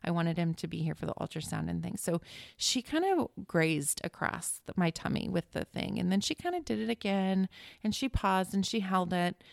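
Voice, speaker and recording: A woman's voice: fairly low pitch, expressive, moderate pace, creaky, no echo, clean studio sound. A woman guest in a podcast interview, recounting a personal story in an earnest, emotional way with many restarts.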